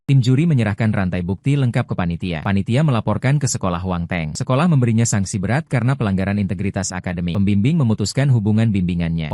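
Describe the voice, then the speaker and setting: A man narrating a story in the first person with steady, even delivery. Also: on the low side, no echo, clean studio sound.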